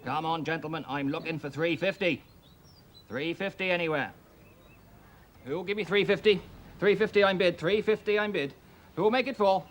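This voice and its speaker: An actor playing a brisk auctioneer in a TV drama, calling bids in rapid, repetitive patter. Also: male voice, high-pitched, slight background noise, natural voice.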